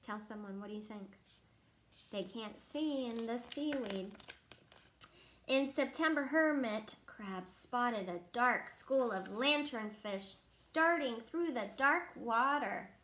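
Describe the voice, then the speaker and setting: Lively woman reading a picture book. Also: on the high side, slow. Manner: animated storybook reading with questions to the listener. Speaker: reader to a child.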